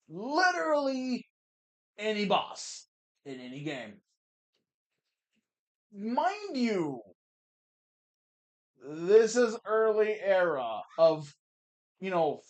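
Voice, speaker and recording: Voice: mid-range voice, very animated, extremely slow, pauses often. A gaming streamer giving casual let's play commentary, swearing often, with sudden frustrated outbursts and chatty asides to the audience. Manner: laughs easily, chatty asides.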